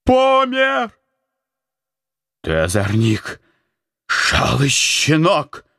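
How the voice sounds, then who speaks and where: A man voicing an angry, burly male monastery steward who shouts in alarm at a raised pitch. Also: huge pitch swings, extremely slow, gravelly, no echo, clean studio sound, full character voice. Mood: frantic.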